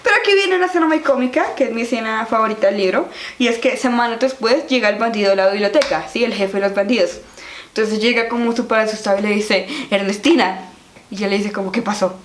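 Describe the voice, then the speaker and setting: A young woman chatting about a children's book in an animated, giggly way. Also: a little high, fast talker, a little hiss or hum. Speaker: vlogger reviewing a children's book. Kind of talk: casual book-review vlog. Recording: echoey room with background music.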